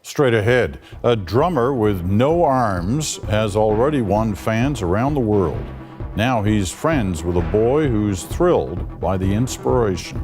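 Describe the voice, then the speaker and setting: A male news anchor delivering a scripted teaser in a slow, deliberate way. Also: fairly low pitch, expressive. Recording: distant voice over loud music.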